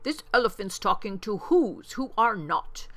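A woman voicing rowdy monkey brothers in a children's storybook, shouting and scoffing like bullies. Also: mid-range voice, fairly even intonation, normal speed, dry recording. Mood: scornful, bullying.

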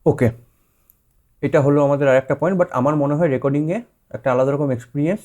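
A man's voice: fairly high pitch, quick pace, darkish tone. A male teacher speaking Bengali-accented English loanwords in a casual explanatory talk, rephrasing often and checking in with his students. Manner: conversational, many fillers and rephrasings, checks in with students. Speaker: teacher introducing a course.

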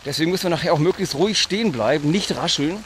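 A man guiding children on a night nature walk around a farm estate, both outside and in a barn, talks rapid-fire in a fairly high voice with lively intonation. This conservationist explains things casually, posing questions and repeating the kids' answers, and the field recording is noisy.

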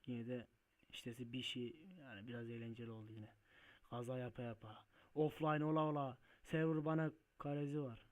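Excitable man playing a truck game. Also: medium pitch, normal speed. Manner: excitable, swears and shouts at mishaps; muttering to himself while driving. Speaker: gaming video host. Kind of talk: Let's Play commentary.

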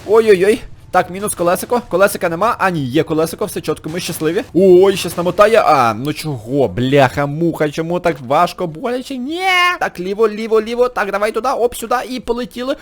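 A gaming channel host gives chatty let's-play commentary, talking fast with hardly any pauses. He's excitable, laughs a lot, and lets out high, squealing yelps.

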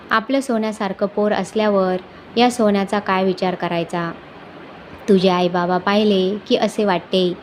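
A tender older mother-in-law, soft and heartfelt, as a woman storyteller puts her on. Her voice sits at an ordinary middle pitch, with a faint hiss behind it. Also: lightly acted.

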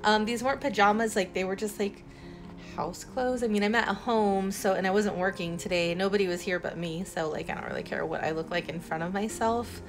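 A woman's voice: mid-range voice, brisk, over music. A young woman doing a chatty, rambling voiceover at home for a cleaning vlog, with lots of fillers and restarts. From San Antonio, Texas. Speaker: cleaning vlogger. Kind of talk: casual voiceover chat.

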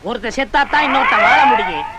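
A boastful, scheming ex-convict. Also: male voice, very high-pitched, wildly swooping pitch, fast talker, heavy background noise, full character voice. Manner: boastful, threatening, conspiratorial. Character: scheming male ex-convict who wants to be a guru. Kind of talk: film comedy dialogue.

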